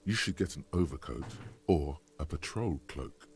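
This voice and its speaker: Game narrator, very deep, gravelly, somber, slow, music behind. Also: male voice, expressive. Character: brooding male inner-voice narrator, grave. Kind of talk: scripted narration.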